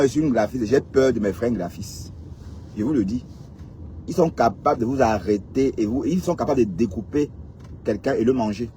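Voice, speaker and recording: A man's voice: mid-range voice, dark tone, a little hiss or hum. A man from Cameroon, ranting sarcastically to his viewers and firing rhetorical questions at them. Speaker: commentator addressing viewers. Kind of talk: casual ranting commentary. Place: in a vehicle on the road.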